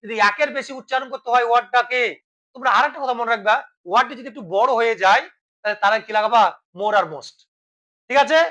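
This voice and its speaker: Bright-voiced teacher spelling out words. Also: mid-range voice, fast, rough recording. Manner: asks questions and answers them, spells words letter by letter. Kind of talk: classroom grammar lesson.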